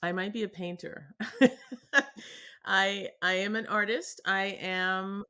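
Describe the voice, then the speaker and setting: On a video call from her home studio, with her paintings behind her, a middle-aged guest artist from New England chats casually in an interview. Her smooth, mid-range voice carries only a faint, mostly faded Boston accent. She's animated and laughs a lot, with pauses and restarts along the way.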